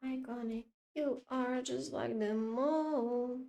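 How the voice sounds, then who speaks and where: A young woman streaming while she draws, chatting casually to her viewers in a rambling, excitable way that keeps breaking off mid-sentence. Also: a little high, takes it slowly, gravelly. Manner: rambling, self-interrupting, excitable.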